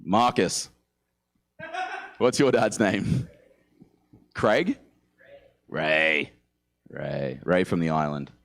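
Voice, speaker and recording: A man's voice: deep voice, expressive, drawn-out words, pauses often, a bit bright. A young man with an Australian accent, telling loose, profane stories as a guest comedian. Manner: laid-back, swearing, laughing mid-story. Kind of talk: casual stand-up chat.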